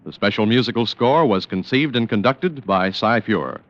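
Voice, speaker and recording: A man's voice: fairly low pitch, animated, moderate pace, background noise. A man working as a network announcer, reading in formal 1940s radio style. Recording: dull lo-fi vintage radio recording.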